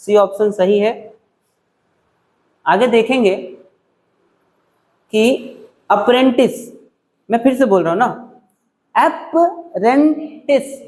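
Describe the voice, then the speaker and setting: A male teacher, taking students through spelling in an exam-prep English class, repeating words slowly syllable by syllable. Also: high voice, darkish tone.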